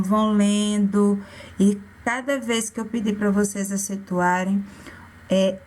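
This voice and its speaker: A Brazilian woman teacher giving a remote lesson to young children, patiently spelling out syllables and repeating key terms. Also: medium pitch. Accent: Brazilian Portuguese. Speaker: primary school teacher.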